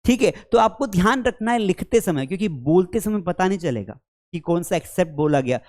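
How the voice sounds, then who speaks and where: A man teaching an online spoken-English lesson. He explains patiently, calls his viewers friends and children, and reads English example sentences slowly. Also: sits high, expressive, darkish tone.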